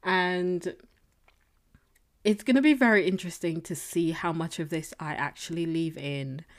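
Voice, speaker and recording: A woman with a fairly low, slightly slow voice hosts a solo podcast, chatting casually and candidly in a rambling, opinionated way. She's indoors in a room that isn't her usual setup, and the makeshift space gives the recording a slight echo.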